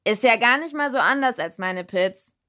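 A woman voicing a huge, gruff male punk spirit who talks bluntly in short, loud phrases over music. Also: on the high side, expressive, moderate pace, voice pushed up.

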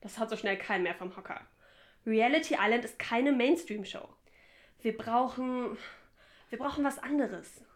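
A ruthless television producer with a snappy, domineering edge, voiced in an audio drama by a woman. She sits a little high and cuts people down fast. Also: lightly acted. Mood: cold. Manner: snappy and domineering, shouts when angry. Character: ruthless ratings-obsessed female TV producer. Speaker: production manager.

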